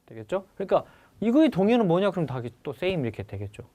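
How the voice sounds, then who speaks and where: A man teaching English vocabulary for civil service exams in a recorded lecture, repeating key words slowly and addressing his students. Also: high voice, big pitch swings. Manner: stresses the English words, then lets the Korean explanation trail off quietly.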